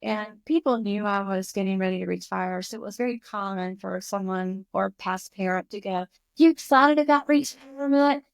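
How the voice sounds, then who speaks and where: A woman in her fifties, a podcast guest, telling a personal story in an animated, emotional way. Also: medium pitch, normal speed, vocal fry, few pauses, no echo. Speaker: guest, recovery school founder.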